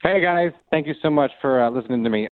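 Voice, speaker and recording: A man in his late twenties calls into a radio show and tells his story over the phone, sheepish and rambling. He speaks quickly in a voice on the high side, coming through a dry, tinny phone line.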